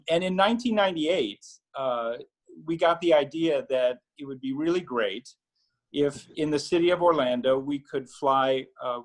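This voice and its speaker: A middle-aged man, an attorney, telling a story on a video call panel in a relaxed way with many fillers and restarts. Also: medium pitch, rough recording. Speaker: attorney and newspaper founder.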